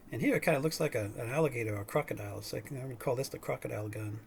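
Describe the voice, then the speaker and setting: A man's voice: medium pitch, lively intonation, very fast, vocal fry, slight background noise. A man hosting a gaming channel, giving casual, rambling gameplay commentary full of fillers and restarts.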